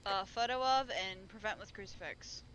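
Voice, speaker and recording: A woman streamer chatting casually during a ghost-hunting game, loud and profane, yelling taunts at the ghost. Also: medium pitch, moderate pace, rough recording. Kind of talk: casual gaming chat with friends. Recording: loud background noise.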